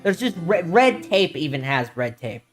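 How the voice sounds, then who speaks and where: A man's voice: a little high, sing-song, normal speed, soft background music. A man co-hosting a casual podcast chat, joking and rambling with frequent laughs. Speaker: podcast co-host.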